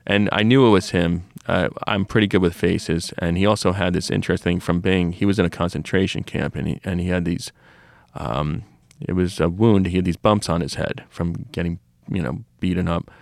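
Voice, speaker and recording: Low gravelly man telling stories. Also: fairly even intonation, moderate pace, dry recording. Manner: rambling, with restarts and asides. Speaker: comic shop owner, podcast regular. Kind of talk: casual storytelling conversation.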